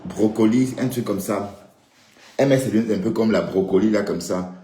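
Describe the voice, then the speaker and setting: A man talks casually to his viewers on a live stream, rambling and tossing in little check-ins. His voice sits low. The room gives back a noticeable echo with faint background sound. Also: normal speed, mellow, slight background noise. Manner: rambling, addresses viewers directly with frequent "hein" and "d'accord".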